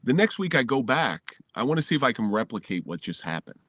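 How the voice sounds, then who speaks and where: A podcast guest from New Jersey, middle-aged, recounts a personal story in a frank, animated way from his home basement. He talks fast at medium pitch, and there's no echo.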